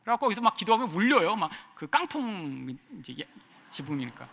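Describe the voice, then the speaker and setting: A middle-aged man preaching a sermon as a pastor, telling a personal story in an animated way. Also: high-pitched, brisk, creaky, long reverb tail. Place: church sanctuary.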